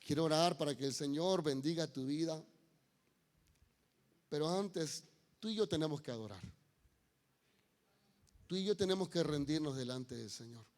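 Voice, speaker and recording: A man's voice: a little high, moderate pace, pauses often, a little mellow. A male pastor giving an emphatic sermon in church, with folksy asides. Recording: long reverb of a church hall.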